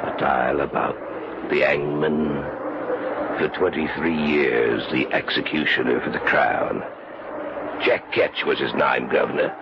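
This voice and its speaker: An actor in an old radio drama playing an eerie old man who tells a hangman's legend in a very deep, gravelly, drawn-out voice. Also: steady tone. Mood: sinister. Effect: old radio drama recording. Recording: muffled, noisy old radio broadcast.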